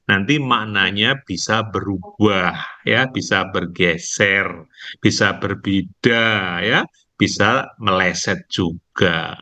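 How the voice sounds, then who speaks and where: A male university lecturer giving an online lecture, explaining slowly and tagging nearly every phrase with a questioning "ya". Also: fairly low pitch, sharp tone. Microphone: video call. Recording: dull lo-fi online call audio.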